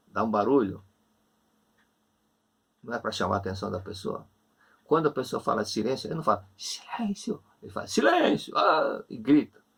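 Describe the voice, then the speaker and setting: Brazilian male lecturer, online class, warm repetitive counsel, raspy voice. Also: medium pitch. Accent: Brazilian Portuguese. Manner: gentle, repetitive, reassuring counsel. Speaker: religious lecturer. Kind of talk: online religious class answering questions.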